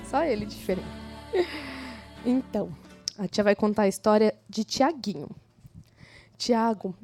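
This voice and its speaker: Animated woman telling a children's story. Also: high-pitched, no echo. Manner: animated, acts out the characters' voices. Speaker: children's story teller at church. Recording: live church service, dry sound.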